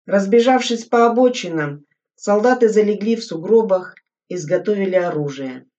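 A woman reading a war story aloud as scripted narration, steady and measured. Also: mid-range voice. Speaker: audiobook reader. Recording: dull audio from a distant mic.

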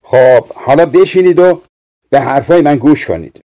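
A man's voice: a little high, dark tone, close to an everyday voice. Man voicing a harsh old witch. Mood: commanding. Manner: harsh, commanding. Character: cruel old hunched witch woman.

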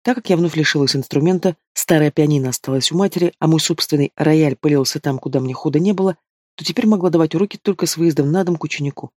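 A man reading a first-person story aloud as an audiobook narrator, in steady, even storytelling. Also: fairly high pitch, no room sound, studio quality. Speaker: audiobook reader.

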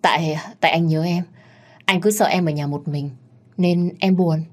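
A woman reading the lines of an anxious, protective young husband in a storybook tale, in a low husky voice. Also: steady tone, normal speed, darkish tone, close to an everyday voice. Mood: tender worried.

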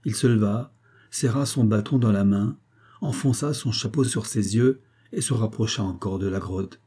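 A male narrator reads a classic tale aloud in a measured, even storytelling manner. His voice is low, very dark and mellow, with a husky grain. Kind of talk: audiobook narration.

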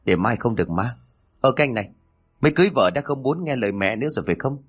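A man voicing a nagging, sharp-tongued old mother-in-law who scolds and wails melodramatically. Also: medium pitch, expressive, very fast, breathy edge. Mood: scolding.

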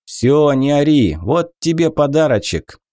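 A man voicing a big, grinning male warrior with a rough, mocking manner. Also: on the high side, very animated, unhurried, mellow, no room sound, clean studio sound, pitched above the performer's own voice.

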